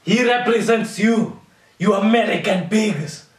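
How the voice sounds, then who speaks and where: A man's voice: high voice, measured pace, roomy sound, recorded from a distance. A young man playing a shrieking fanatical captor. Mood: ranting. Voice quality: shouting, ranting. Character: shouting male militant captor, fanatical. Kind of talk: amateur film acting.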